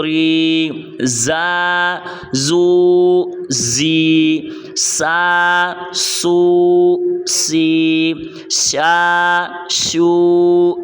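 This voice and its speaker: A man's voice: mid-range voice, a bit bright. A man teaching a recorded lesson on Quranic reading, patiently drilling syllables and drawing out each sound. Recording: long hall reverb.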